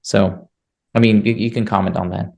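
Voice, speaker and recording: A young man from Bulgaria hosting an interview, telling a story in an animated way on a podcast mic. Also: on the low side, moderate pace, gravelly. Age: young adult. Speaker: podcast host. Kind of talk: interview conversation. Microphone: podcast mic on boom arm.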